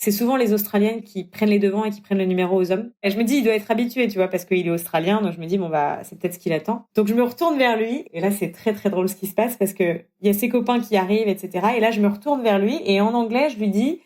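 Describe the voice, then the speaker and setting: A young adult woman telling a personal story in casual chat, acting out the dialogue with big leaps in pitch. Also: fast talker, few pauses. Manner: animated, acts out dialogue with big pitch jumps. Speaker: guest telling her story.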